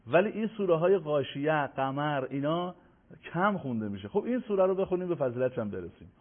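A man teaching Quran recitation rules on a broadcast, drawing out example words in slow sung demonstrations. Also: fairly high pitch, expressive. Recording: narrow phone-like broadcast audio.

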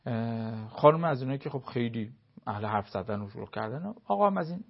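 A man's voice: mid-range voice, lively intonation, vocal fry, highs cut off. A man giving advice on a talk show, explaining his points with everyday examples and short acted-out dialogues.

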